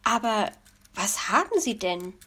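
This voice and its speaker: A woman voicing a kind, calm hedgehog mother in a children's story, speaking softly and gently. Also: medium pitch, slow, husky, full character voice. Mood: gentle. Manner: soft, gentle, sniffs "nuff nuff". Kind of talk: storybook reading.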